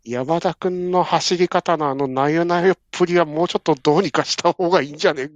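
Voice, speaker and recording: A man's voice: on the high side, steady tone, quick pace, no room sound, dull audio. A man dropping teasing quips in a casual chat.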